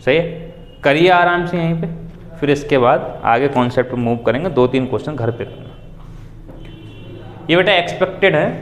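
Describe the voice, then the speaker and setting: A man's voice: fairly high pitch, moderate pace, long pauses, echoey room, a little hiss or hum. A man teaching a live maths class, patiently walking students through each step and repeating key points. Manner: patient, calls students 'beta', repeats steps.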